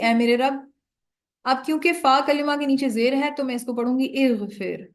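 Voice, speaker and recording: Woman teaching arabic grammar, a bit high voice, keeps asking "ok?" and slows down for the prayers. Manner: explains step by step, often checks in with "ٹھیک ہے؟"; slows down to read Quranic prayers and translate them word by word. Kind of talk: classroom lecture.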